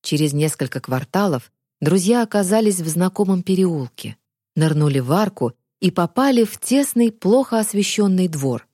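A woman narrating a storybook in a calm, even telling. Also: lowish voice, normal speed, no echo, studio quality. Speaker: audiobook narrator. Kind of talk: scripted narration.

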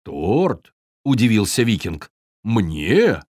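A good-hearted Viking in a children's storybook, as a reader plays him, speaking low, slow and soothing. His voice has a slightly husky edge, and it is recorded dry and close. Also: big pitch swings, no echo, heavily acted. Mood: puzzled. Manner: gentle, unhurried, reassuring. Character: kindly good-natured Viking, calm and warm.

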